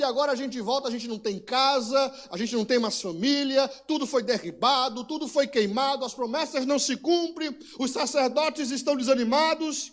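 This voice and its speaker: A man's voice: extremely high pitch, pitched above the performer's own voice. A man doing an angry, protesting old-world man. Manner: indignant, shouted rhetorical questions.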